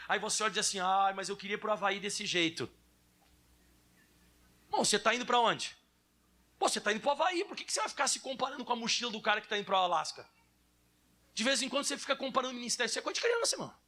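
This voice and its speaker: A man in his thirties preaching as a pastor in church, lively and animated, acting out children's whiny voices. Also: high voice. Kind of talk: sermon.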